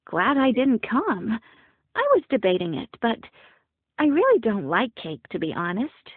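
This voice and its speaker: A woman's voice: fairly high pitch, big pitch swings, a little slow, slightly rough, no echo, pitched above the performer's own voice, exaggerated voice. A woman reading an audiobook, voicing a breezy, teasing young woman friend. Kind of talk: audiobook character voice. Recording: dry, phone-like narrow sound.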